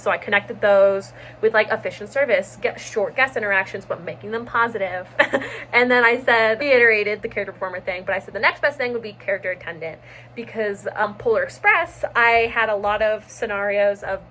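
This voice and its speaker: A young woman vlogging in a casual, excitable way, chatting quickly and nervously with frequent laughs. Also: medium pitch, a little hiss or hum, poor audio. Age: young adult. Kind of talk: casual vlog chat.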